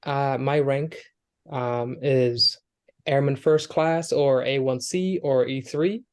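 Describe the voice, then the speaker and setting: This young Air Force airman, from Kenya with a Somali family, answers interview questions as a guest in an earnest, conversational style full of fillers and restarts. His mid-range voice is smooth and fairly even in intonation, and he speaks slowly.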